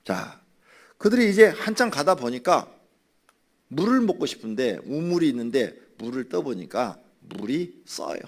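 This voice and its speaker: A pastor leads a relaxed, conversational Bible study sermon at a moderate pace, his pitch moving a great deal as he explains scripture to the congregation. He occasionally pauses to act out grumbling people and drinks water while speaking.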